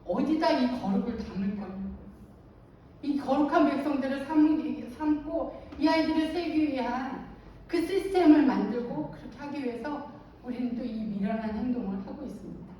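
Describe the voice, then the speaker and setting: A middle-aged woman speaking at a church teacher training, telling stories in a lively way, acting out the voices she quotes, and laughing often. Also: high-pitched, normal speed, a little hiss or hum. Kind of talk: anecdotal church talk. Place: large church hall. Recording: very echoey hall, distant mic.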